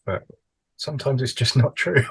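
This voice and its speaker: A man's voice: medium pitch, lively intonation, moderate pace, creaky, husky. A British man co-hosting a podcast, chatting casually with wry, dry humour. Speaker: podcast co-host. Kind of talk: casual chat.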